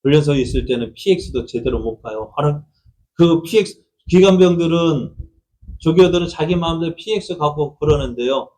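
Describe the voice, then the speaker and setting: Male pastor, middle-aged, fairly high voice. Chatty Sunday sermon with questions to the pews and acted-out quotes. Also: brisk, a little mellow, a little hiss or hum, poor audio. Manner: conversational, asks the congregation questions; acts out quoted speech in a raised voice.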